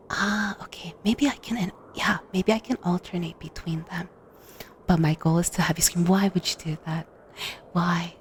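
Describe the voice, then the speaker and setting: A woman VTuber chatting casually with her livestream in an expressive, informal way, close to a USB microphone. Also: mid-range voice, slight background noise. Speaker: VTuber streamer.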